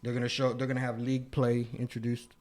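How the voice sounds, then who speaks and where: A man chatting casually on a podcast, rambling along with fillers and a few swear words. His voice sits at a middle pitch. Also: monotone, fast talker, darkish tone. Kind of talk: casual chat.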